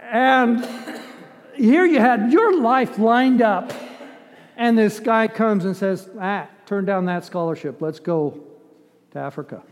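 Slow and animated, a high-voiced older man who grew up in Ethiopia delivers a sermon. He is emphatic while staying conversational, acting out asides and posing rhetorical questions. The recording echoes with a long hall reverb.

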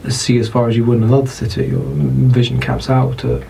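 A man with a British accent, narrating as dungeon master in an unhurried, descriptive way. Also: mid-range voice, level tone, vocal fry, background noise. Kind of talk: narrating a tabletop game.

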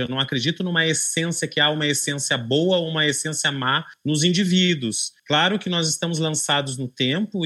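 A man with a Brazilian Portuguese accent, speaking on a discussion panel in a measured, lecturing way. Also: fairly high pitch, pushed and bright.

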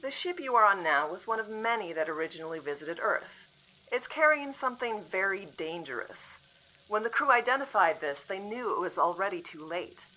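A woman voices a poised future official in an audio drama, speaking briskly with a calm, apologetic, matter-of-fact air. Her voice sits in the mid-range, and the audio quality is poor.

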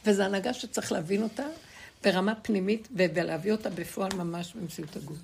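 Gravelly-voiced woman teaching a spiritual lesson. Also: mid-range voice, slight background noise. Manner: lively storytelling, laughing between points. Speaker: religious teacher.

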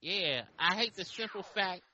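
Hombre de voz aguda y brillante. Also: male voice, sits high, a little slow, pushed and bright, highs cut off, faint music behind. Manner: loose, joking, swears casually. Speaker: podcast host. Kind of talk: casual podcast chat.

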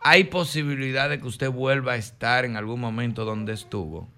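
A man's voice: mid-range voice, moderate pace, bright, forceful tone. A man with a Dominican accent hosting a comedy radio show, asking playful, teasing questions. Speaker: radio host.

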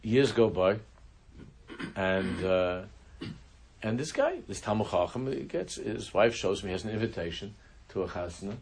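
A man teaching a religious class, telling a story in a halting way, often restarting his sentences. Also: fairly low pitch, lively intonation, a little hiss or hum. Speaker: Torah teacher.

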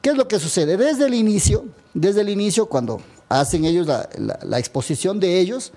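Ecuadorian male politician as interview guest, high mellow voice, vivid retelling. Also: moderate pace. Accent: Ecuadorian Spanish. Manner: lively storyteller who acts out quotes. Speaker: assembly member, guest.

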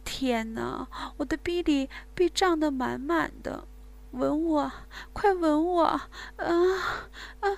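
A woman's voice: sits high, takes it slowly, gravelly, pitched above the performer's own voice, heavily acted. A woman doing a breathless, pleading young lover.

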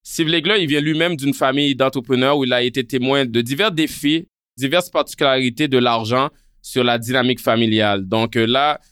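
A man in his thirties with a Creole-tinged French accent, hosting a podcast interview in an earnest way, often pausing on "euh". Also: mid-range voice, fairly bright tone, clean tone, no room sound, studio quality. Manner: earnest, with frequent "euh" fillers. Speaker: podcast host.

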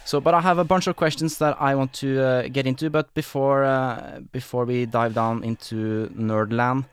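A man's voice: medium pitch, fairly even intonation, moderate pace, clear, resonant tone. A man hosting an interview podcast, friendly and hesitant, with many "um" and "uh" fillers. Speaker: podcast host. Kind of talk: casual interview talk.

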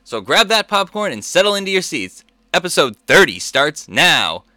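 A man's voice: fairly high pitch, sing-song, normal speed, bright, forceful tone, no echo, clean studio sound. A man hosting a podcast, reading scripted entertainment headlines with casual asides. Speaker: podcast host.

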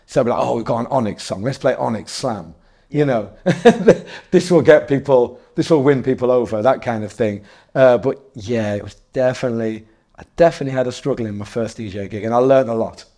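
Mellow-voiced man, rambling and laughing. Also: mid-range voice, fairly quick. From North East England. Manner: rambling, self-correcting, laughs often. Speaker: guest DJ and MC. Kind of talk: casual interview chat.

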